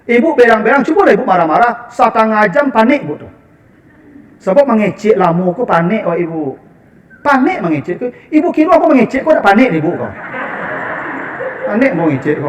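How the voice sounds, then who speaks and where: Animated high-voiced Minangkabau preacher. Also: male voice, fairly quick, a little hiss or hum. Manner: animated, humorous, addressing the women as "ibu". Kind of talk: sermon.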